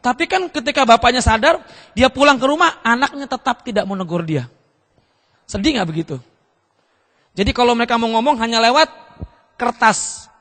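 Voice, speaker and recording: High, bright-voiced male pastor in a reverberant hall. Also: lively intonation, normal speed, long pauses. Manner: asks the audience frequent rhetorical questions. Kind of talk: seminar sermon with storytelling. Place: church seminar hall.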